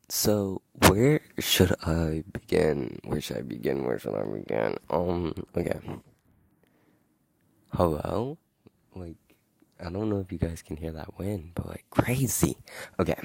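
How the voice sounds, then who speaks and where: A young man with a low voice and vocal fry hosts a podcast, telling a rambling, indignant story loaded with fillers in a casual monologue. He's outside in the wind, but no room sound comes through.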